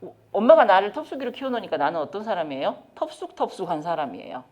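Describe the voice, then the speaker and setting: This is a middle-aged woman from South Korea speaking at a quick pace in a mid-range voice, a child development lecturer running caregiver training in a lecture room. Lively throughout, she addresses the audience head-on with questions.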